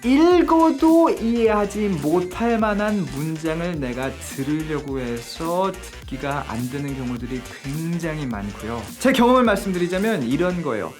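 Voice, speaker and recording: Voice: mid-range voice, big pitch swings, moderate pace, hardly any pauses, faint music behind. An English teacher giving a video lesson, explaining step by step and asking viewers questions along the way.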